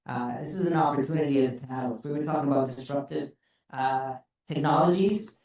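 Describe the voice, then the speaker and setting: Man from El Salvador, earnest and deliberate, mellow tone, echoey hall. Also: medium pitch. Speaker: panelist. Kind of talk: panel introduction. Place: conference hall.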